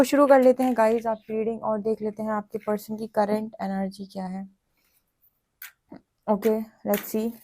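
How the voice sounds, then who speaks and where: An Indian woman gives a tarot reading and talks straight to her viewers in a chatty, reassuring way. Her voice sits at an ordinary middle pitch. The recording is dry and close, with no room echo. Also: mellow. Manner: chatty, addresses viewers directly in Hinglish. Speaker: tarot reader.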